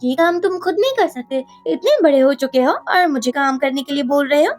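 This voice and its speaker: A woman voicing a scheming young wife who is sharp-tongued and scolding. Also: high-pitched, animated, fairly quick, soft background music. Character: scheming young wife chasing divorce and money.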